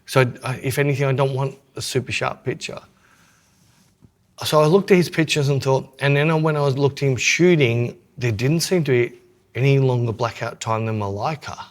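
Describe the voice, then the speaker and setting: A man's voice: mid-range voice, fairly quick. Australian man in rambling casual chat. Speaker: podcast co-host.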